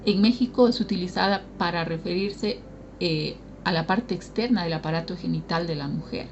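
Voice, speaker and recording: A woman's voice: lowish voice, normal speed, muffled recording, slight background noise. A woman preacher from Bolivia, giving an earnest sermon and asking the congregation questions.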